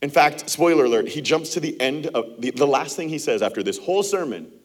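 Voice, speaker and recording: A man in his thirties preaching from a church stage. His voice is husky and sits a little high for a man. He keeps it conversational, acting out small exchanges to make his points. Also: lively intonation, fairly quick. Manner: conversational preaching with acted-out quotes and laughs. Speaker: pastor. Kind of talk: sermon. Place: church auditorium.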